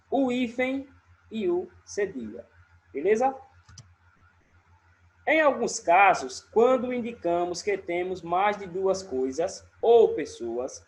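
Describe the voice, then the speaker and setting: A man's voice sits high as he teaches a recorded online lesson in a Sergipe Brazilian accent. He explains each step in turn and keeps checking in with quick questions.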